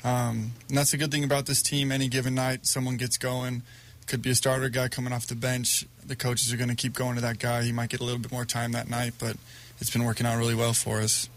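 Young man speaking in a flat tone. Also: medium pitch, fast. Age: young adult. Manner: calm, even, with soft ums. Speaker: college basketball player. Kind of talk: radio interview guest. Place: radio studio.

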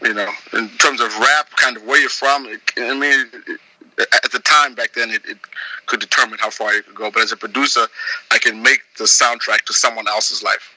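A man's voice: mid-range voice, brisk, slight background noise, poor audio. A young man from Zimbabwe, a music producer, talking casually as an interview guest with lots of restarts and fillers. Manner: relaxed, rambling with many restarts.

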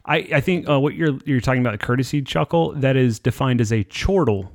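A man's voice: medium pitch, brisk, a little mellow, no echo, clean studio sound. A man co-hosting a casual comedy podcast, telling crude stories and mimicking people. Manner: profane storyteller, mocking voices. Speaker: podcast co-host.

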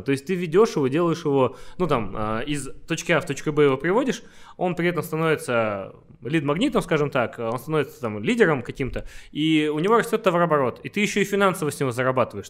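A man from Kazakhstan with a burred r in casual chat, frankly explaining his work as a podcast guest and swearing now and then. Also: fairly high pitch. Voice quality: burred r, says r softly in the throat. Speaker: podcast guest, network marketer.

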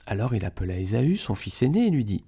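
A man reading a Bible chapter aloud in a steady, measured way. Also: lowish voice, gravelly, breathy edge. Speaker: Bible reader.

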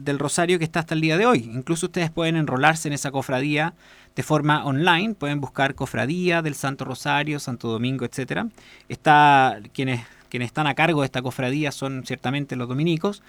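Earnest radio host, dry sound. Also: male voice, a little high, a little fast, fairly bright tone, dry recording. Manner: unscripted, frequent fillers and restarts, earnest recommending. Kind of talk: casual spoken commentary.

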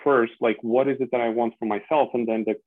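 This security specialist, a man near forty from Portugal, talks fast in a medium-pitched voice with fairly even intonation. As a podcast guest giving casual interview answers, he sounds earnest and reflective, with many restarts. The recording is dry, coming through a tinny line that resembles a phone.

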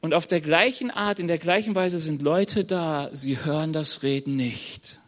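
Man with a notably high voice for the preacher role; casual sermon delivery that gropes for words. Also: a little slow, fairly bright tone. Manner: informal, searching for words, chuckles now and then. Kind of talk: conversational sermon.

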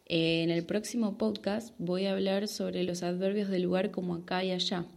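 Argentine woman, Spanish teacher, podcast lesson; low gravelly voice, patient, checks in with listeners often. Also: flat delivery, moderate pace, darkish tone.

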